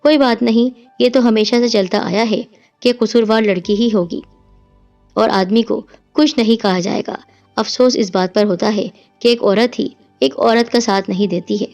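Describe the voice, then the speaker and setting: A woman's voice: a little high, fairly even intonation, a little mellow, lightly acted. A woman voicing a proud young schoolteacher who speaks firmly and cuttingly, over faint music. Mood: defiant. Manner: firm, cutting, words chewed out.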